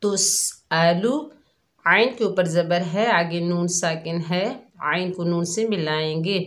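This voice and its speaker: Woman tajweed teacher, slightly sore throat, low voice, unhurried and methodical delivery. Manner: calm, methodical explaining, drawn-out recitation of words. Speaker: Quran recitation teacher. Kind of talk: slow step-by-step tajweed lesson.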